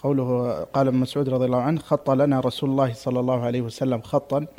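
A man's voice: medium pitch, little pitch movement, very fast, dark tone. A man in a study session, reading a passage and making brief remarks.

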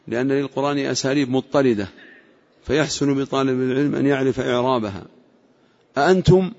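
A man gives a measured lesson on the meaning of scripture, explaining step by step and pausing to question his students. His voice sits at an ordinary pitch for a man. The recording is dull and lo-fi, with a long echo from a large hall. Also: a little mellow. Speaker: Islamic scholar teaching Quranic exegesis.

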